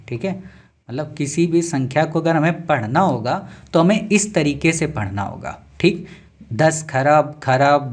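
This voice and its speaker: A man teaching a maths class, asking questions and answering them himself, with frequent checks like "okay". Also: medium pitch. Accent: Hindi. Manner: asks and answers his own questions, repeats "ठीक है" often. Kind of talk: classroom lecture.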